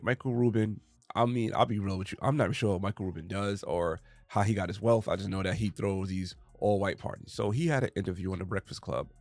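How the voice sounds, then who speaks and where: In a dry recording, a male reaction-commentary host in his thirties, still recovering from a cold, responds to a clip with emphatic rhetorical questions. He works from a small home studio with headphones and a studio mic on a boom arm. His voice is on the low side.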